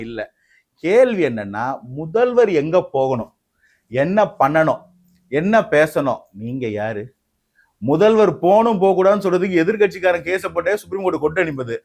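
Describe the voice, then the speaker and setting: A man's voice: fairly high pitch, darkish tone. Combative man, mocking tone. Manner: combative, mocking, talks over the interviewer. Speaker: party spokesman. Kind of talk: heated debate interview.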